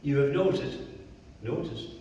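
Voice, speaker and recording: At a library event, a co-author with an Irish accent gives a jovial public talk, speaking slowly and chuckling at his own jokes. His voice is medium-pitched and mellow. A distant room mic picks him up far off in an echoey hall, so the audio is dull with slight background noise.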